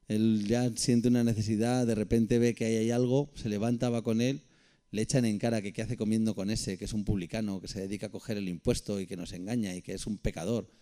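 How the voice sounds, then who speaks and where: A man's voice: lowish voice, mellow. A man with a Peninsular Spanish accent preaching and reading Bible verses aloud, with conversational asides to his listeners. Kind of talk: Bible study sermon with scripture reading.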